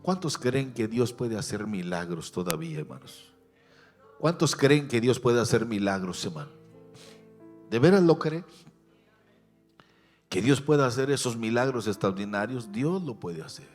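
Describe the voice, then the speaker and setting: A man preaches a sermon in a church, his voice at a middle pitch for a man. He presses key lines hard, then drops to hushed, intimate appeals. Faint music plays underneath. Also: lively intonation, unhurried, pauses often. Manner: preaching with rising emphasis, then soft near-whispered appeals. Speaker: pastor.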